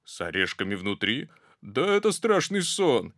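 A storyteller putting on a huge, hungry, gruff forest monster in a slow, booming storybook voice. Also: bright, forceful tone, dry recording, studio quality, heavily acted. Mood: alarmed. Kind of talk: storybook reading.

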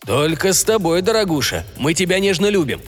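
A man's voice: high voice, big pitch swings, brisk, pitched above the performer's own voice. A man voicing a scheming young filmmaker who talks in a coaxing, theatrical, commanding way. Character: smooth-talking scheming young male filmmaker. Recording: long reverb, faint music behind.

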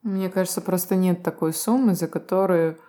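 Женщина с низким мягким голосом. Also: female voice, on the low side, fairly even intonation, normal speed, warm tone. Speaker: podcast co-host. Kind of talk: podcast conversation.

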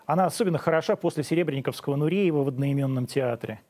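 A man's voice: on the high side, rapid-fire, darkish tone. A man in his forties hosting, delivering a sarcastic opinion monologue and then questioning a guest pointedly. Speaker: host.

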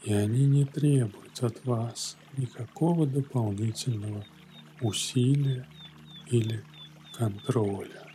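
A man narrating a guided morning meditation in a gentle, soothing yoga-teacher manner, leaving long pauses between phrases. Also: mid-range voice, a little hiss or hum. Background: soft music.

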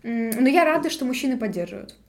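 An eighteen-year-old woman hosts a podcast in casual chat, her voice sitting a little high. She talks in a chatty, halting way, with lots of fillers between her thoughts. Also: lively intonation. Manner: chatty, hesitant with many fillers. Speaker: podcast host.

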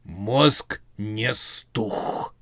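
Brief: dim zombie foreman, read by a man, slow hissing one-word grunts, very unhurried, dry close sound. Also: on the low side, creaky, fairly bright tone, no room sound, full character voice. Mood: dull, halting. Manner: slow, halting single words, hissing.

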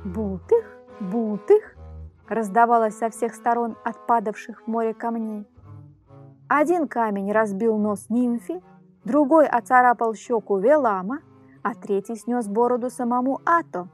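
Lively woman reading a fairy tale. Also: fairly high pitch, measured pace, faint music behind. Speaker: storyteller.

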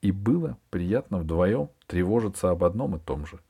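A man with a fairly low voice reading a children's story aloud. His delivery is steady and measured as he carries the narration. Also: gravelly, husky. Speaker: audiobook reader.

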